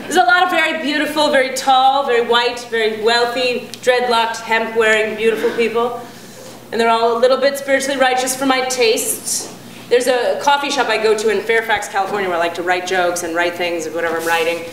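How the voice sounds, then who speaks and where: A woman with a fairly high voice doing stand-up, animated and sarcastic. The room rings with echo around her. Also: fairly quick. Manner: animated, sarcastic, acts out characters. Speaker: stand-up comedian. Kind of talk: stand-up comedy set. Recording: echoey room, audience noise.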